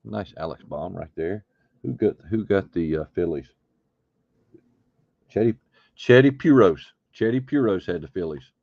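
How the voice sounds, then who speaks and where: Deep-voiced man chatting during a card break. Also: animated, normal speed, gravelly, long pauses, no room sound, muffled recording. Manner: chatty, thinks aloud while opening card packs. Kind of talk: casual live stream chat.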